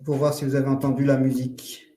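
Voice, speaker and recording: A man presenting a live online training for parents, explaining in a loose, halting way full of fillers and restarts. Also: medium pitch, completely flat delivery, dark tone, recorded from a distance. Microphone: computer mic in a webinar. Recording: roomy echo.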